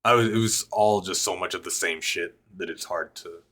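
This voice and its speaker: A man's voice: sits low, moderate pace, fairly bright tone. A young man, a rapper and vlogger, telling a personal story in a casual, profane, rambling way that keeps cutting itself off. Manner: profane, rambling, self-interrupting.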